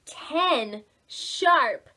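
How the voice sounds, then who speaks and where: Speaking straight to a group of young children, a woman reads at preschool storytime with a playful, expressive delivery. Her voice sits high, and she goes extremely slowly.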